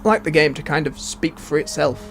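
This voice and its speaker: A man's voice: a little high, brisk. A man giving rambling, understated casual commentary as he plays a game. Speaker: game streamer. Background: game music.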